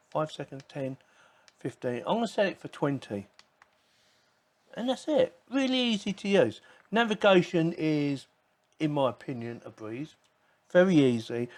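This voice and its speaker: His voice is medium in pitch and a touch mellow. The man, a tech product reviewer, offers informal unboxing and demo commentary, chatting and musing aloud as the demonstration unfolds.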